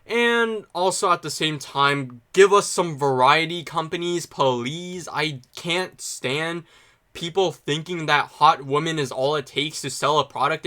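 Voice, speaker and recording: A young man delivers a casual opinion monologue in a rambling, sarcastic way, poking fun at himself as he goes. His voice is bright and sits a little high, with a forceful edge to it. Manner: rambling, sarcastic, self-mocking. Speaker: YouTube commentator.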